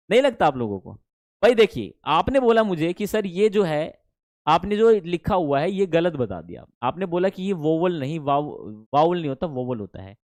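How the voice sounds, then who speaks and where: A man's voice: high-pitched, no echo. A man with an Indian accent teaching a spoken English lesson online, coaxing his students and often checking that they follow. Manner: animated, coaxing, repeats "ठीक है ना?".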